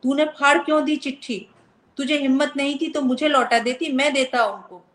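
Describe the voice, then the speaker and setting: A woman's voice: sits high, fairly even intonation, normal speed, a bit bright. A woman voicing an earnest, hurt teenage boy with a pleading, indignant manner in a spoken story. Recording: roomy echo.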